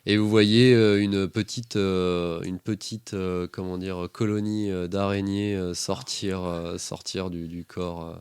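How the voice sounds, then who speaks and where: Man, game master, low, smooth voice, halting narration, dry close mic. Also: little pitch movement, a little mellow, dry recording. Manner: hesitant, halting narration with many fillers.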